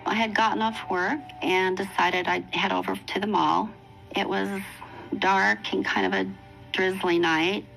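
Gravelly-voiced woman in her sixties recounting. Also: mid-range voice, fairly even intonation, a bit bright, soft background music, rough recording. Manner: earnest, reflective storytelling with pauses and restarts. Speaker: interviewee recounting her past. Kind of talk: documentary interview testimony.

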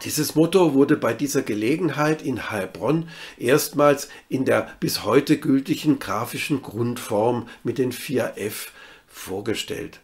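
Give me a man with a middle-pitched voice reading a scripted tour narration in a measured, even way. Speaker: narrator of a literary city tour.

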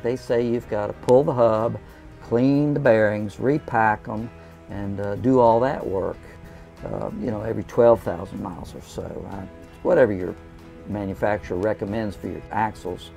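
An older man who vlogs about RV travel gives plain, folksy how-to tips to the camera from inside a camping trailer. His fairly low voice is gravelly and a little mellow, unhurried and full of "uh" fillers, picked up on a clip-on lapel mic.

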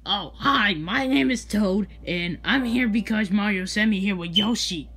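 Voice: mid-range voice, a little slow, sharp tone, breathy edge, soft background music, full character voice. A young performer voicing an eager toy mushroom pupil with a silly, annoying clown-like voice.

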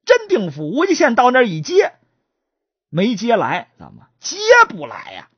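Husky woman storyteller. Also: fairly high pitch, wildly swooping pitch, normal speed, dry recording, dull audio. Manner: chatty, addresses listeners. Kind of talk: traditional oral storytelling.

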